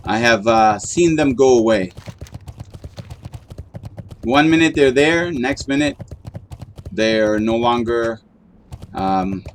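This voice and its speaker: A man's voice: on the low side, a little hiss or hum. A man streaming a video game, chatting casually and rambling with lots of fillers and restarts. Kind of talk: casual chat while gaming.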